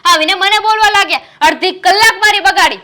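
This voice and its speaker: A fed-up young wife, high and fast. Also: female voice, sharp tone. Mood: angry, fed up. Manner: heated, rapid complaining. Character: young wife fed up with her mother-in-law. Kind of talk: Gujarati short film acting.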